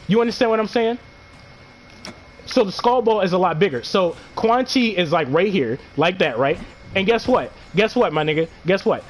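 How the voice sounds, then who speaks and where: A young man rants excitedly about a video game. His casual commentary is slangy and full of swearing. A faint noise sits under the recording. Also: sits high. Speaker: gaming commentator.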